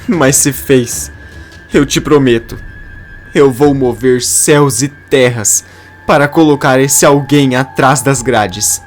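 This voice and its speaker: A man's voice: mid-range voice, normal speed, soft background music, natural voice. A man voicing a grieving, determined young daughter in a narrated soap opera summary.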